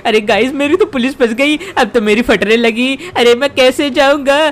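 A woman's voice: high voice, moderate pace, close to an everyday voice. A woman doing a cheeky panicky little boy. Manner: whiny, excitable exclamations, talks to viewers. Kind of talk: gameplay commentary in character.

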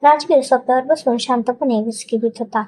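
Female storyteller, scripted narration, steady read, slightly high voice. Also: brisk.

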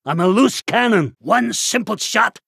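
Doctor Evazan, high gravelly outlaw. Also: male voice, expressive, unhurried, fairly bright tone, no echo, studio quality, heavily acted. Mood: cocky, threatening. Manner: gruff, boastful, slangy, shady. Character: menacing, cocky, trigger-happy wanted outlaw doctor, male. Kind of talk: animated video game character acting.

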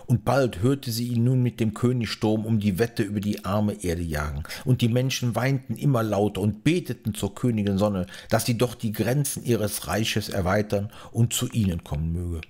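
A male audiobook narrator reading a fairy tale. His voice is very low and slightly husky, and his delivery is calm and measured, like a bedtime story.

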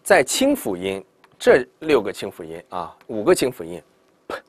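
A man gives a lively classroom lesson on English pronunciation, with his pitch moving animatedly as he explains. He drags out the example words slowly so students can copy them, and he keeps checking in with quick questions. The sound is dry and close. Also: no echo. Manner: asks rhetorical checks like "right?" and "对不对".

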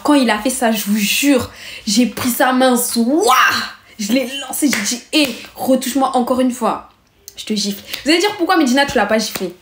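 A teenage girl telling an animated story to her viewers, acting out the people in it in a heated, fast way. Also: a little high, roomy sound. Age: teens.

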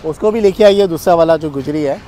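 A man's voice: fairly high pitch, a little fast, crowd noise. Inquisitive middle-aged man questioning outdoors. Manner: inquisitive, presses with follow-up questions; mixes English phrases into his talk. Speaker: host. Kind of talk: casual on-site interview. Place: outdoors on a goat farm. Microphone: handheld mic.

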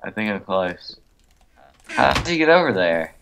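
Man, nervous and cautious, casual gaming commentary, lowish voice, keyboard typing behind. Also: big pitch swings, normal speed, gravelly, fairly bright tone. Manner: cautious, nervous, keeps warning his partner. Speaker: game video co-host.

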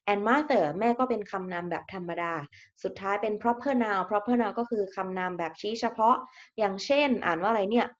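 A woman's voice: mid-range voice, lo-fi sound. A woman teacher giving a recorded grammar lesson, explaining English terms and often repeating words.

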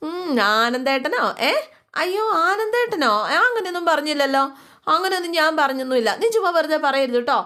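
A woman's voice: high voice, expressive, a little fast, sharp tone, voice pushed up. A woman doing a flustered shy young bride. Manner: flustered, squealing denials.

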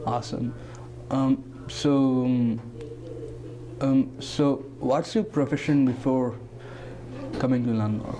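A man's voice: medium pitch, slow pace, long pauses, background noise. A young man co-hosting, asking interview questions hesitantly with many fillers and restarts. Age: young adult. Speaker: co-host interviewer. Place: studio with green screen.

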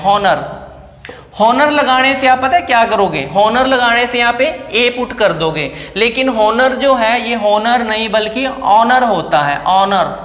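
In a classroom with long, echoing reverb, a male teacher with a high, slightly bright voice lectures on an English lesson. He works through it step by step, tossing rhetorical questions to the class.

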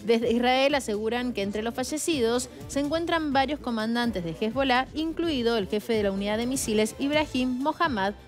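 A female news anchor reads international news in a brisk, conversational manner. Her voice sits fairly high, and soft music plays underneath. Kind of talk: newsroom co-anchoring.

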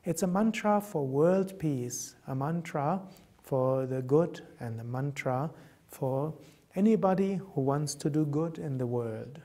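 A man explaining and slowly chanting a mantra as a yoga teacher, calm and measured. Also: on the high side. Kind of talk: mantra instruction.

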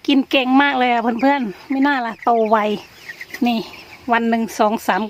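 A woman's voice: a little high, fairly even intonation, moderate pace. An older woman chatting casually as she vlogs in her garden, pointing things out as she goes. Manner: chatty show-and-tell, often pointing things out. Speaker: gardening vlogger. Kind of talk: casual vlog chat while gardening. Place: outdoors in a rural garden. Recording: outdoor recording with clear background noise.

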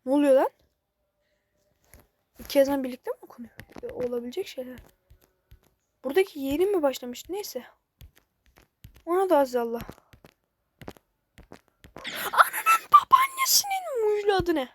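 A woman with a very high voice talks through a game as she plays it. She gets frustrated and swears at it often. A faint hiss and some clicking sit behind her voice. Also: lively intonation, normal speed, long pauses, dark tone. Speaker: gamer. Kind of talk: casual gameplay commentary.

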